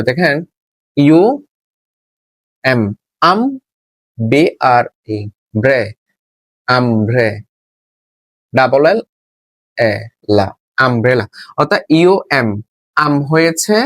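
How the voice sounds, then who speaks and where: A man's voice: medium pitch, a bit bright, no echo. A male teacher talks through a lesson in a dry, close sound with no room around it. He keeps circling back to the same rule and poses questions only to answer them himself. He breaks words apart and spells them out letter by letter. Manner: repetitive, asks and answers his own questions. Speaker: English teacher. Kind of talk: spoken classroom lesson.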